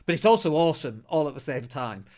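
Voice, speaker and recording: Here a middle-aged English podcast host with a Northern Leeds accent chats casually on his own, blunt and self-deprecating. His darkish-toned voice is on the high side, moving quickly with big pitch swings.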